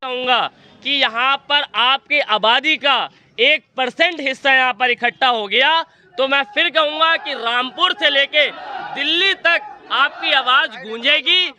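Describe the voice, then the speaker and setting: A young man, a student union activist, giving a loud, insistent, defiant protest speech outdoors at a university gate. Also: very high voice, measured pace, some chatter behind. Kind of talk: heated protest speech and argument.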